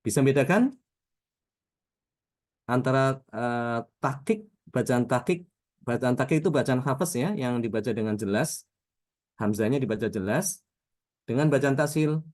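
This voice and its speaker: A man as an Indonesian recitation teacher, calm and patient, leading a lesson. He draws out each example word slowly and keeps checking in with his listeners. His voice sits at an ordinary middle pitch.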